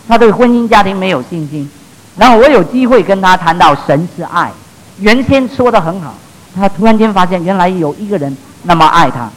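A middle-aged male pastor delivering a sermon in a high voice. He tells stories from his counseling work, pushing some lines out with force and dropping others to a near hush. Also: poor audio. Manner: storytelling, swings between loud emphasis and hushed asides.

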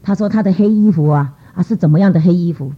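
A middle-aged woman telling a lively church testimony, acting out what people said in changing voices. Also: fast, slightly rough. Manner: lively, acts out quoted voices with pitch jumps. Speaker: church speaker giving testimony. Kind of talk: storytelling testimony talk. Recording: dull lo-fi recording.

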